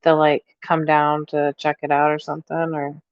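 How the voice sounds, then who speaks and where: A woman's voice: deep voice, monotone, moderate pace, smooth, dry recording. A woman playing a tabletop game over voice chat, tentative and full of fillers. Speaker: player. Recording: dull lo-fi voice chat audio.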